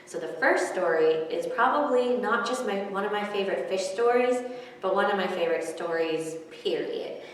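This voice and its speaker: Presenting picture books to children, a woman in her thirties reads aloud at normal speed with a mid-range voice and lively intonation; she works as a children's library storyteller. Her recording is echoey, made in a hall with a distant mic and background noise.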